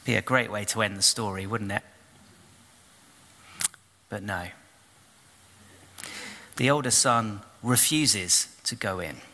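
A man's voice: lowish voice, slow, pauses often, sharp tone, long reverb tail, slight background noise. A man preaching a sermon, retelling the story expressively and putting questions to the congregation. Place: church.

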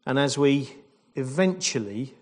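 A man gives a relaxed baptism sermon, dropping in jokes, fillers and restarts as he goes. He speaks at an everyday middle pitch, addressing a church congregation. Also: unhurried. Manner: informal, jokey preaching with fillers and restarts. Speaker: pastor.

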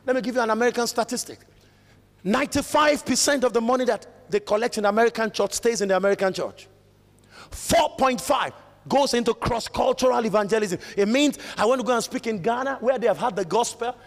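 A Nigerian man preaches a Pentecostal sermon with fervour, often breaking into shouts and urging the crowd to listen. His voice sits very high. It rings out with the long reverb of a big church hall. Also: brisk. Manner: fervent, rising to shouts, repeats "listen to me".

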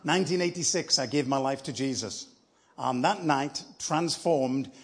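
A man in his fifties with a South Welsh accent, giving a sermon live in church as a guest preacher, telling his story with lively enthusiasm. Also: mid-range voice, normal speed, slightly rough. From South Wales. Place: church sanctuary.

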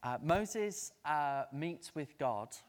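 Man, preacher, sermon, lively storytelling, slightly high voice, long hall reverb. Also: very slow. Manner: lively storyteller who acts out quoted voices.

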